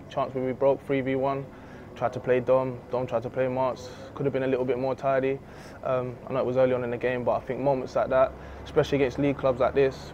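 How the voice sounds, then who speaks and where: A young footballer speaks into a handheld mic in the stands of an empty outdoor stadium. He talks in a relaxed, candid way at a medium pitch. The audio is a little dull and carries a faint hiss of outdoor noise. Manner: relaxed, candid, laughs easily. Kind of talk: post-match interview. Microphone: handheld reporter mic.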